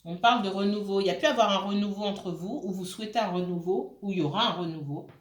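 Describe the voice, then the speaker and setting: A woman's voice: mid-range voice, fast, slight background noise. A woman giving a casual tarot reading, hesitant, with many fillers and restarts, and often checking in with her listeners. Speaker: tarot card reader. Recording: roomy echo.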